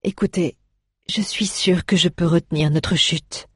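A woman's voice: fairly low pitch, steady tone, unhurried, slightly rough, dry recording, clean studio sound. A woman voicing a bold, reckless young girl heroine who speaks with urgent coaxing in a storybook. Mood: pleading. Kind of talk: storybook narration.

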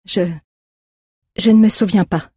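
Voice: mid-range voice, fairly even intonation, a little slow, mellow, husky, dry recording, studio quality, pitched above the performer's own voice. A storybook reader voicing a frightened young girl who stammers and cries out in panic. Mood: stammering.

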